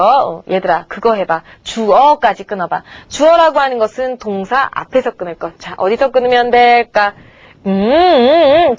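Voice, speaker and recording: A woman's voice: mid-range voice, no room sound, highs cut off. A woman teacher giving a grammar lecture to middle-school students, chatty and coaxing, checking in with her class again and again. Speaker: English teacher.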